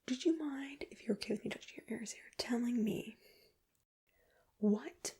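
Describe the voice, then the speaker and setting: A woman doing a whispered role-play as an ear examiner, speaking in a breathy, gentle, reassuring whisper with close personal attention. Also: a little high, moderate pace. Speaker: ASMR performer playing an ear examiner.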